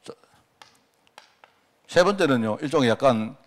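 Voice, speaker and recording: A man preaching with a voice of ordinary pitch, talking to his congregation as if in conversation. He keeps turning to them with rhetorical questions and slips into acted-out prayers to make his point. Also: lively intonation, a little slow. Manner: acts out quoted prayers and remarks. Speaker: pastor. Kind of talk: sermon.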